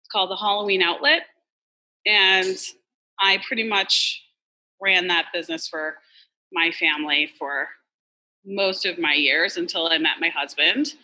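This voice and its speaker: A woman's voice: fairly low pitch, unhurried, long pauses, bright, forceful tone, rough recording. A woman from Massachusetts, a restaurant co-owner, talking candidly in a casual interview with lots of "like" and "you know". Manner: chatty, candid, fillers like "like" and "you know", swears.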